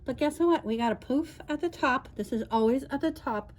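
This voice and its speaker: A woman's voice: high-pitched, normal speed, darkish tone. A woman casually demonstrating a sewing machine step by step, chatty and laughing often as she explains.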